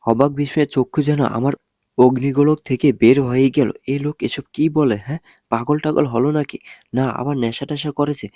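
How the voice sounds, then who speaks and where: A man narrating a first-person romance story with an expressive, dramatic reading. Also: medium pitch, moderate pace, no echo, studio quality.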